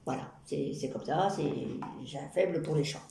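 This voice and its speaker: A woman's voice: low-pitched, normal speed, vocal fry. A woman chatting casually and ramblingly to her viewers while she crafts, with playful asides. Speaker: YouTube craft vlogger. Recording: roomy echo, noisy background with clicks.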